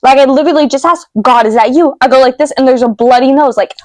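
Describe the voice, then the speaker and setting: A woman vlogger retelling a vivid dream to camera, emotional and halting, with many fillers and restarts. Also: high-pitched, darkish tone, dry recording. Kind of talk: casual storytelling to camera.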